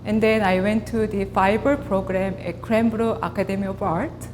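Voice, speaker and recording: A woman from South Korea with a Korean accent, in her late thirties or forties, giving a measured artist talk with pauses and fillers. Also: steady tone, a little mellow. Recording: reverberant hall with clear rumble.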